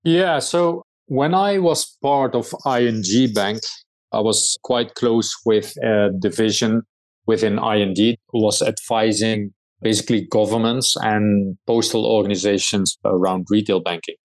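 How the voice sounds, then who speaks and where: Speaking with a Dutch accent, this middle-aged founder from the Netherlands responds to interview questions carefully, with frequent pauses. He has a fairly low, steady voice, though the recording quality is poor.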